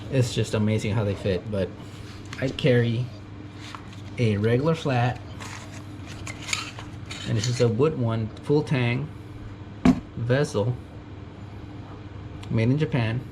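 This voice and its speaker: A casual tool vlogger, born in the US to a Mexican family, shows off his tools in a junkyard in Japan, with a mid-range voice, slow pace, and frequent pauses. He rambles with lots of ums and fillers, restarting, self-correcting, and chuckling. His GoPro camera mic captures noisy audio with a loud air-conditioning hum behind him.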